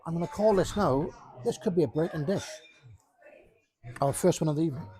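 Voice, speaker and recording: A man's voice: a little high, a little fast, dark tone. A man giving casual, jokey live commentary on a pool match, rambling and repeating himself. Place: pub during a pool match.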